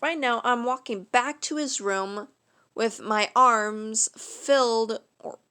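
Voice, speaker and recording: A woman narrating a first-person fan story in a casual, unpolished way, with fillers and cleared throat. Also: on the high side, takes it slowly, pushed and bright.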